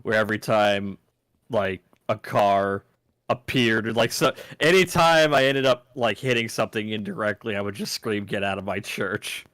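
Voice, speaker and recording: A man's voice: on the low side, normal speed, fairly bright tone, no room sound. A man in a casual chat while a game is played, talkative and opinionated about movies.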